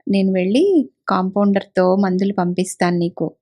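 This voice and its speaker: A woman's voice: medium pitch, moderate pace, lightly acted. Caring village doctor, read by a woman. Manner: gentle, caring, reassuring. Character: kindly middle-aged male village doctor. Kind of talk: audiobook character reading.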